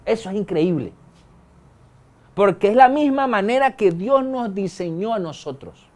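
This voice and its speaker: Man, pastor, sermon, high pitch, conversational, colloquial. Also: lively intonation, darkish tone. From Venezuela. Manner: conversational preaching with colloquial asides and quick bursts.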